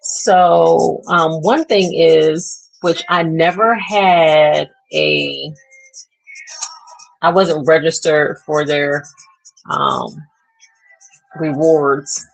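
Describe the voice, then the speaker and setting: A woman in her thirties talks casually to her viewers in a low voice with a gravelly edge. She takes her time, rambling and pausing as she hunts for words. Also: animated, poor audio. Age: 30s. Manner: chatty and rambling, trails off searching for words. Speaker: beauty vlogger. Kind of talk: casual chat to camera.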